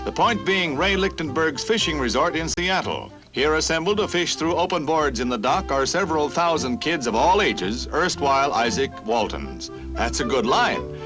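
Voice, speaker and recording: A man narrating a 1950s newsreel in a brisk, punchy announcer style, dramatic on serious stories and jokey on light ones. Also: on the high side. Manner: brisk, punchy announcer delivery with playful asides. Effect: old newsreel recording. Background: music.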